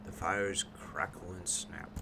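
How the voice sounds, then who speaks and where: A man's voice: deep voice, level tone, slow, creaky, background noise. A man hosting a let's play, reading narration aloud and commenting on the game. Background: game music.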